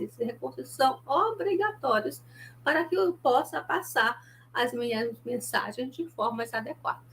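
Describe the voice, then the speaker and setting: High, animated Brazilian woman lecturing. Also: gravelly. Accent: Brazilian Portuguese. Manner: animated, acts out example dialogues with emphatic pitch jumps. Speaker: university sign language lecturer. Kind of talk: recorded online lecture.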